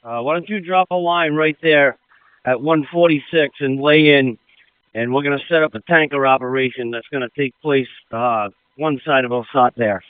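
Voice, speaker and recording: A man's voice: medium pitch, moderate pace, smooth, no echo. A man acting as fire incident commander, giving directions over a two-way radio. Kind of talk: fire ground radio traffic. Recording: tinny narrowband radio channel.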